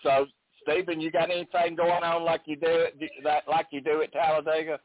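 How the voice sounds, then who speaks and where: A man's voice: a little high, little pitch movement, normal speed, no echo. A man hosting a casual interview in an informal, folksy way. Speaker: show host. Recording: narrowband phone-like sound.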